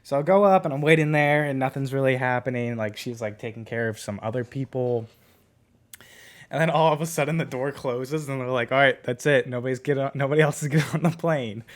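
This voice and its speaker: A man's voice: mid-range voice, fairly quick. A man co-hosting a podcast, casually telling a rambling story full of filler words. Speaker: podcast co-host.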